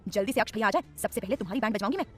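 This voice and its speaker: A woman's voice: mid-range voice, lively intonation, rapid-fire, husky, soft background music. A woman voicing a firm, scolding mother of about forty-five.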